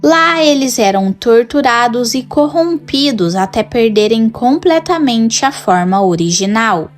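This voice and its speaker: A woman with a Brazilian Portuguese accent giving scripted narration in a measured, dramatic storytelling manner. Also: on the high side. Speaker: lore channel host.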